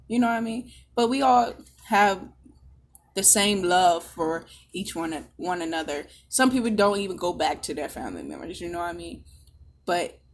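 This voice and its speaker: A woman's voice: lowish voice, a little hiss or hum. A woman chatting casually as she reacts to a video, telling rambling stories. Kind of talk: casual commentary.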